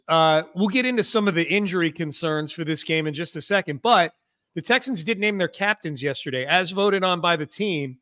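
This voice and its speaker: Bright, higher-pitched American sports host. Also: male voice, no room sound, clean studio sound. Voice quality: slightly stuffy nose. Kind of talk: casual sports talk.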